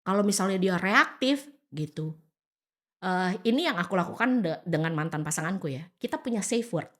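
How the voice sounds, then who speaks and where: An Indonesian woman appears as a podcast guest, handing out casual advice in a lowish voice at a moderate pace. She's animated, performs quoted bits of dialogue, and sprinkles English phrases into what she says.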